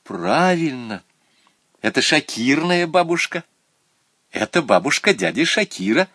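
A man voicing a kindly, patient woman who runs a clown school, speaking in a calm, praising tone. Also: fairly high pitch, unhurried, breathy edge, no echo, clean studio sound, voice pushed up, heavily acted. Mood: explaining. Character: kindly female school headmistress.

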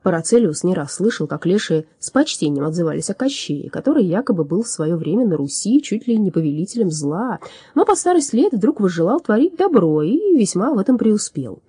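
A woman narrating a fairy-tale audiobook with expressive storytelling. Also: medium pitch, a little fast, husky, no echo, clean studio sound.

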